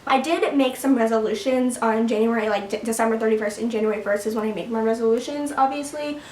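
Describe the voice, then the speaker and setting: A teen vlogger, seventeen, chats to camera from home, rambling with lots of fillers and soft laughs. Her voice is a little high and a little mellow, and she talks quickly. A distant mic in an echoey room adds a slight hiss or hum.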